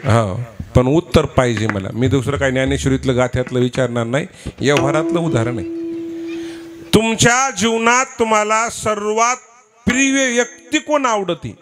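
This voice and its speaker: A man's voice: fairly high pitch, normal speed. A man with a Marathwada accent preaching a devotional kirtan sermon, questioning and teasing the listeners as he prods the women to answer aloud. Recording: live event with instrument music behind. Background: musical instruments.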